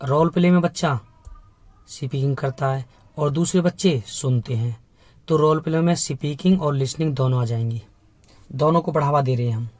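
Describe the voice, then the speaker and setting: A man's voice: fairly high pitch, darkish tone, no room sound. A man teaching an exam-prep lesson in Hindi mixed with English terms, asking rhetorical questions and repeating key points with emphasis.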